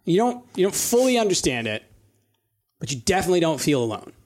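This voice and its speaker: A man acting as game master, improvising narration for a tabletop game in a halting, thinking-aloud way. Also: sits high, sing-song, darkish tone.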